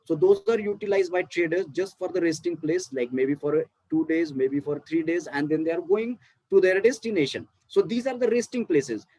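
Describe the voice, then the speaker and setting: High-voiced Indian man lecturing. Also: moderate pace, mellow, breathy edge, dry recording, poor audio. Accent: Indian English. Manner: explanatory, frequent fillers and restarts. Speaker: archaeology lecturer. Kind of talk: academic presentation.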